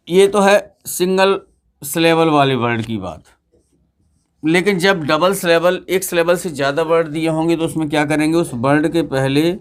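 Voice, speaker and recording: Male teacher with a slightly high voice, drilling grammar rules in class through call-and-response. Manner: asks students questions and repeats the answers.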